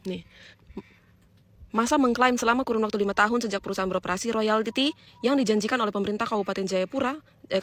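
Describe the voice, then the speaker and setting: A woman's voice: fairly high pitch, dry recording. A woman vlogging in a casual, chatty way, explaining things to her viewers with fillers and questions.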